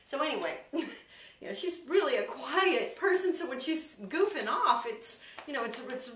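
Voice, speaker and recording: Animated woman telling a funny story. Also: high voice, normal speed, roomy sound, recorded from a distance, slight background noise. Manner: animated, acts out the people in her story. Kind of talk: casual anecdote.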